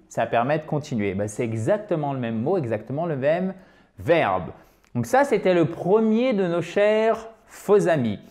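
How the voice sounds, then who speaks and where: A woman teaching English to viewers in a lively, teacherly way, slowly repeating words for drill. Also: low-pitched. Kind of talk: lesson segment, addressing viewers.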